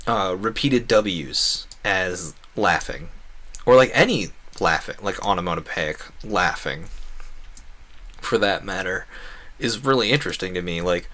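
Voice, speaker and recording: A man streaming games offers playful, meandering commentary in his native English, breaking off mid-thought and muttering asides along the way. His voice sits on the low side.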